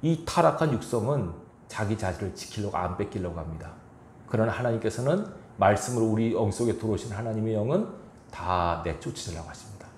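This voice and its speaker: His voice lowish and dark, a pastor delivers an animated, fairly quick sermon in a church sanctuary with echo and slight background noise. He reads scripture before pressing the congregation with rhetorical questions.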